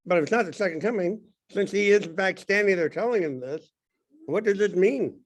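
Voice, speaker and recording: A man's voice: high voice, brisk. A man leading a Sunday school class in casual, rambling talk, joking and restarting his sentences. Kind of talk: casual Bible class teaching.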